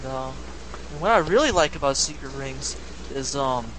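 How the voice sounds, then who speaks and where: A man's voice: mid-range voice, expressive, normal speed, background noise. A man co-hosting a casual podcast, talking about a video game story with enthusiasm. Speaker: podcast co-host.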